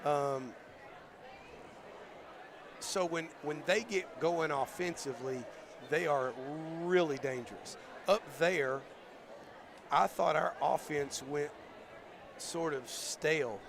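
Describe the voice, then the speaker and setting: Brief: hoarse, gravelly-voiced coach, mid-high pitch, halting postgame chat, crowd noise in the gym. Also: male voice. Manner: thoughtful, halting, many fillers and restarts. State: losing his voice. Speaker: basketball coach. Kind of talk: postgame interview.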